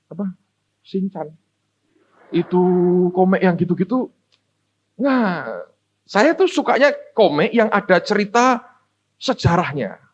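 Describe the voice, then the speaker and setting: A middle-aged pastor from Semarang, preaching a folksy, story-driven sermon that speaks straight to the congregation. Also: male voice, high voice. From Semarang, Central Java. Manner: animated, folksy, addresses the congregation directly. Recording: dull lo-fi recording.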